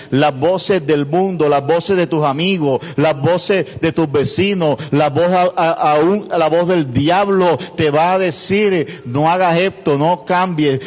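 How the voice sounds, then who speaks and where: A male pastor delivers a sermon in a high voice, building his points through repetition and calls out to the congregation. His voice rings with the long reverb of a church hall.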